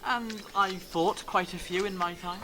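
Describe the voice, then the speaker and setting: A man acting an eccentric, curious time-travelling alien adventurer in a fan audio drama, telling things theatrically with dramatic pauses. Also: high voice, steady tone, background noise. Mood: thoughtful, wry.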